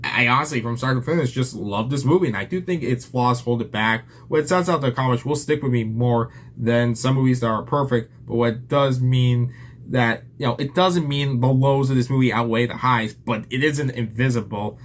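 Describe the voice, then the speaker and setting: A man's voice: mid-range voice, moderate pace. A young man giving a casual, enthusiastic movie review, rambling with restarts and a little out of breath.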